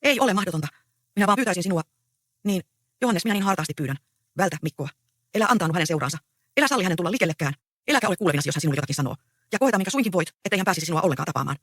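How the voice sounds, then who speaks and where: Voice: mid-range voice, lively intonation, a bit bright, dry recording, clean studio sound. A reader voicing an earnest, anxious young peasant woman in a stage play read aloud. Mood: pleading. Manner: pleading, earnest.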